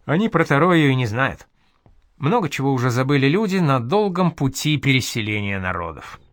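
A man's voice: mid-range voice, big pitch swings, moderate pace, dry recording, clean studio sound, natural voice. A man reading an audiobook voices a curious, bookish male scholar asking thoughtful questions.

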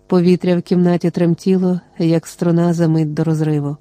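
An audiobook reader narrating a fantasy novel in a steady, even storytelling manner. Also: medium pitch, a little fast, no echo. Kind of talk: scripted narration.

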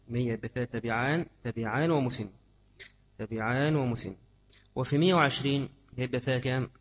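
A man with an Egyptian Arabic accent giving an Islamic study lesson, repeating key words and quizzing his class. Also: mid-range voice. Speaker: religious teacher.

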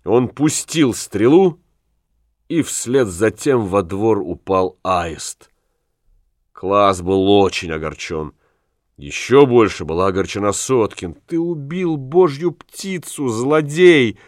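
A man narrating a classic novel as an audiobook, in a measured, even storytelling manner. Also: sits low, no room sound, studio quality. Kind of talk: scripted literary narration.

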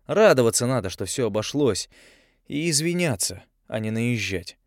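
A man narrating an audiobook in an expressive, measured storytelling manner. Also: mid-range voice, dry recording, clean studio sound. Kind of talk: scripted narration.

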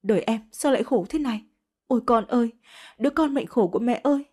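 A woman's voice: quick pace, mellow, husky. A woman voicing a spiteful young woman who curses and wails accusations. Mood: hysterical. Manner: shrill cursing, wailing accusations. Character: vicious spiteful young woman, hysterical mother.

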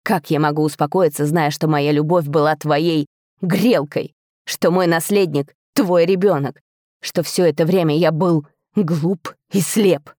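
A woman voicing a furious, betrayed young dragon prince who shouts raw, bitter accusations at his father. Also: lowish voice, fairly even intonation, normal speed, no echo, studio quality, close to an everyday voice.

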